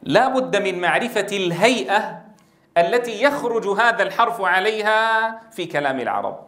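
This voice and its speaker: High-voiced Syrian man teaching recitation. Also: normal speed. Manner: animated, demonstrates pronunciations and recitation, asks the audience. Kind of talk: classroom lecture.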